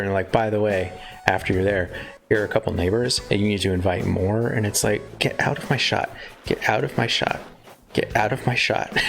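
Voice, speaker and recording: A man with a fairly low voice and vocal fry chats casually on a live stream. He rambles and breaks off mid-sentence to joke, with faint guitar music playing behind him.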